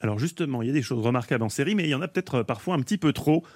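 A man's voice: mid-range voice, animated, rapid-fire, no room sound. A man hosting a radio show with scripted, theatrical, tongue-in-cheek comic delivery.

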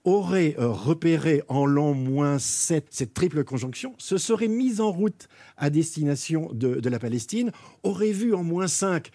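A man telling an explanatory story on the radio, with hesitant, measured phrasing. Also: a little high, expressive, mellow, no echo. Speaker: radio guest presenting an investigation.

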